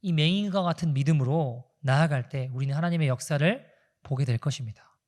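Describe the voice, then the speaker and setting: A man's voice: fairly high pitch, a little fast. A male pastor preaching a sermon, asking the congregation questions and acting out quotes. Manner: animated preaching with rhetorical questions and acted-out quotes. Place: church in Toronto.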